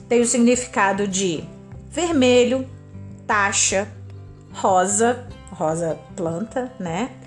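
A woman from Brazil with a Brazilian Portuguese accent, teaching English pronunciation on a podcast, modelling words slowly and deliberately. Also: medium pitch. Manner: slow, deliberate, drawn-out word modelling.

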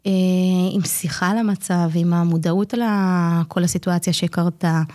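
A woman in her forties, a community nurse, telling a personal story in an interview, acting out what people said and pausing often to hesitate. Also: on the low side. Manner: earnest, animated retelling that acts out quoted dialogue; frequent hesitation fillers. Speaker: community child-health nurse.

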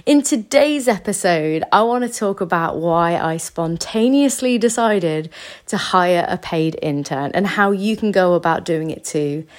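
Podcast host, a woman with a slightly low voice, congested and soft-spoken, chatty solo episode. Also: animated. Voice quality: soft, half-whispered delivery. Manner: chatty, with quick asides and restarts. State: stuffy, congested from a cold. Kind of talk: casual solo podcast talk.

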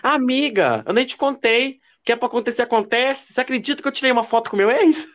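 A man co-hosting a podcast, telling gossipy stories in a casual, animated way. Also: fast talker. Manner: expressive, lively pitch. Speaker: podcast co-host. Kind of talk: casual chat.

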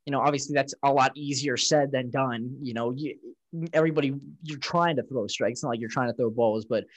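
A man's voice: mid-range voice, a little fast, dry recording. A man co-hosting a casual sports chat, recapping plays in a rambling way with lots of fillers. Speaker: podcast co-host.

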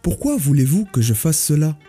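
A man voicing a frightened rich old man who stammers and pleads, pushing his voice higher. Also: very animated, moderate pace, dark tone, breathy edge, soft background music. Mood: fearful, pleading.

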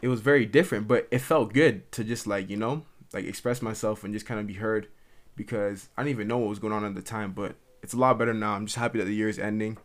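A man's voice: on the low side, steady tone, quick pace. A young man hosting his own podcast from his mother's house, talking earnestly and ramblingly into the camera, with lots of "like" and restarts. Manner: earnest, rambling, heavy use of "like". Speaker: podcast host. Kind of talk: casual solo monologue. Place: at home in his mother's house, dimming light. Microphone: camera recording.

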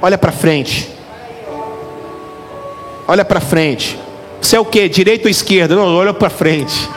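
A middle-aged man, a pastor, preaching a lively, joking sermon straight to his congregation. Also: high voice, measured pace. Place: church hall. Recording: reverberant hall with faint music.

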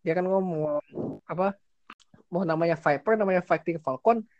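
A man's voice: high voice, moderate pace, no echo, lo-fi sound. A young man from Indonesia hosting a casual podcast, explaining things informally and dropping in English phrases. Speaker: podcast host. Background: background music.

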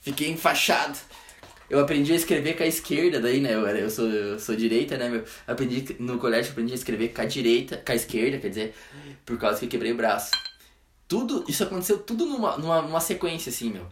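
A man telling a childhood story in casual chat, animated and laughing often. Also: mid-range voice, quick pace, slight background noise. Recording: echoey room.

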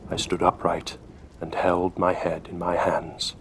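A man hosting a horror story podcast, narrating a scripted tale in a measured, hushed way. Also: low voice, completely flat delivery, slight background noise. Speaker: host and storyteller.

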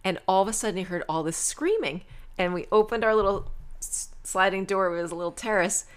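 A woman in casual chat, telling stories in an animated, chatty way. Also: mid-range voice, a little fast, smooth.

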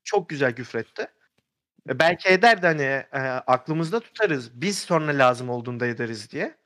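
A man's voice: fairly high pitch, animated, fairly quick, bright, forceful tone. A man telling a story in a casual podcast chat, rambling with fillers and restarts.

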